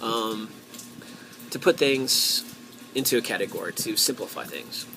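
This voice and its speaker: An American man talking casually to his viewers as a hobby vlogger, in a halting way, thinking aloud with drawn-out pauses. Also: on the low side, background noise. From United States. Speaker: pipe-hobby vlogger and host. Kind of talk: casual solo talk to viewers.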